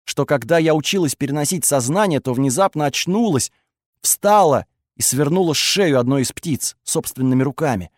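Man putting on a furious young woman, raised and sharp. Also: fairly high pitch, animated, moderate pace, dry recording, clean studio sound. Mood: furious, accusing. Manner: sharp, accusing and shouting. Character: angry, defensive young woman with strange powers.

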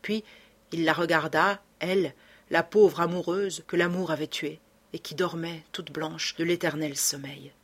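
Husky woman reading a drama aloud. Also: low-pitched, steady tone, unhurried. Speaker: narrator. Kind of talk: audiobook narration.

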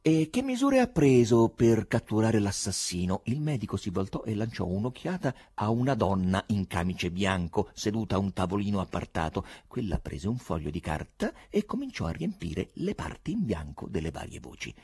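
Husky man reading a novel aloud. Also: low-pitched, moderate pace, few pauses, no room sound. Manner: expressive, theatrical storytelling. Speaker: audiobook narrator. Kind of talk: dramatic literary reading.

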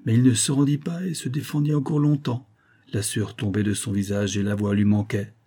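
A man narrating a nineteenth-century novel in a steady, measured read. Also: on the low side. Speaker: audiobook narrator. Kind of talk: scripted narration.

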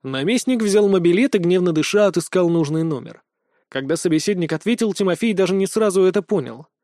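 A man narrating an audiobook in a steady, dramatic storytelling manner. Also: high voice, a little fast, no room sound, clean studio sound. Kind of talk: scripted narration.

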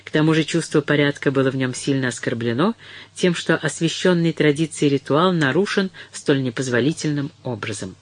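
A man narrating an audiobook in a measured, dramatic reading. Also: fairly high pitch. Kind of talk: scripted narration.

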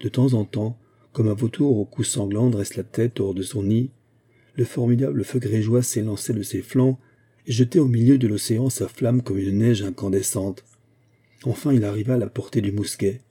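Dark, husky-voiced male narrator. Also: on the low side. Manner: measured, even storytelling. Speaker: audiobook narrator. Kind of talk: scripted narration of a classic novel.

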